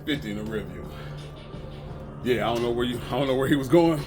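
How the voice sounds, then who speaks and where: A man's voice: medium pitch, quick pace, over music. A middle-aged man telling a profane story about work in a casual vlog rant. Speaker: bus driver.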